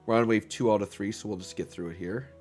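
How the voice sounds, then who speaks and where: Over soft background music, a man narrates his gameplay for his gaming channel in a fast, steady, slightly mellow voice on the low side. Sounding a little congested from illness, he keeps things casual and upbeat, dropping plenty of "um"s and "right?"s.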